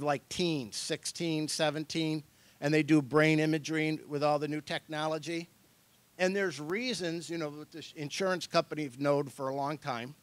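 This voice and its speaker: A man's voice: fairly high pitch, no echo. A middle-aged man giving an informal workshop lecture in a conversational, loosely hedged way as the presenter. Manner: conversational, hedging, chuckles often.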